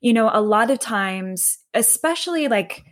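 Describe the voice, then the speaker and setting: A woman's voice: on the high side, lively intonation, measured pace. Woman, conversational interview, reflective, filler-heavy, restarts often. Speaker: podcast guest, health coach.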